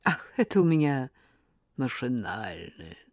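A woman voicing a theatrical elderly woman who fakes a collapse, speaking in gasping, breathy, melodramatic whispers. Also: a bass voice, very animated, a little slow, a little mellow, no room sound, clean studio sound, voice pushed down, heavily acted. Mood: languid, commanding. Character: theatrical old woman faking a heart attack.

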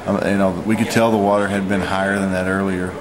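A man in his forties giving an unscripted, matter-of-fact eyewitness vlog report, speaking haltingly. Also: sits low, level tone, a crowd in the background. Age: 40s. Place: hotel lobby, indoors.

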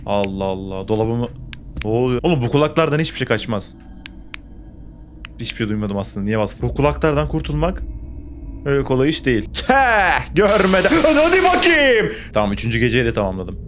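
A man's voice: medium pitch, quick pace, long pauses, slight background noise. A young man playing a horror game, commenting on the action, getting jumpy and swearing back at the game. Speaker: gaming YouTuber.

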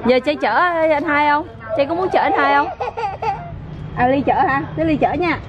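A woman's voice: high-pitched, normal speed, dull audio, over a noisy crowd, heavy background noise. A woman filming a family vlog, playfully coaxing children and talking to viewers. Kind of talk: casual family vlog chat.

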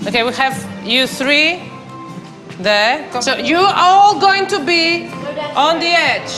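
A woman's voice: high voice, takes it slowly, music in the background. A woman directing a youth drama rehearsal in a theatre studio, explaining things patiently and firmly to the young performers. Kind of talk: instructing young cast at rehearsal.

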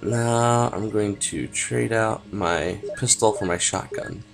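A man's voice: lowish voice, slow pace, creaky, poor audio. A young man giving casual gameplay commentary, sarcastic and joking, with the odd swear word. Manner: sarcastic, swearing, jokey asides. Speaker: let's play gamer.

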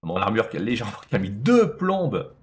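A man's voice: lowish voice, very animated, brisk. A man casually commenting on his own video game play, chatting to himself and to the enemies on screen.

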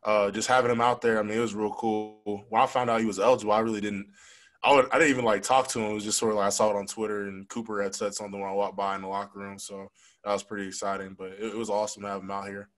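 Speaking fast and frankly with plenty of fillers, this young adult man, a college football player, answers the press after a game. His fairly low, fairly bright voice shows little pitch movement. He's at a desk microphone on a stand in a press room with a logo backdrop, and the recording is low-quality.

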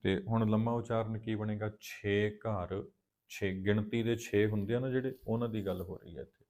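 A man teaching scripture recitation in a Punjabi accent. He chants verses slowly and then explains their pronunciation in plain talk. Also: lowish voice, fairly even intonation, a little mellow. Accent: Punjabi, Malwa. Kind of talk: slow recitation lesson with pronunciation notes.

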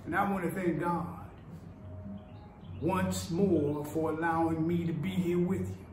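An older man, an actor, performing an impassioned civil rights preacher's speech in a slow, oratorical delivery, filmed on a phone camera in a small tiled room. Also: on the high side, level tone, darkish tone, lightly acted. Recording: echoey room, faint hiss.

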